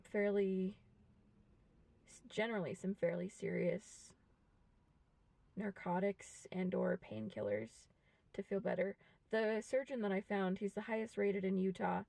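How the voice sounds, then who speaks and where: A woman in her twenties talking frankly and reflectively to a camera, with many pauses. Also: medium pitch, creaky, dark tone, dry recording. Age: 20s. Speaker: vlogger. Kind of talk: candid personal monologue to camera. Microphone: camera mic.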